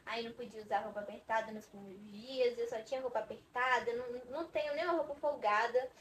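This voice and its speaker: A woman's voice: a little high, fast, fairly bright tone, a little hiss or hum, poor audio. A young woman from Brazil chatting to camera in a casual vlog, talking in a chatty, dramatic way and swearing to her viewers that it's true. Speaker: vlogger.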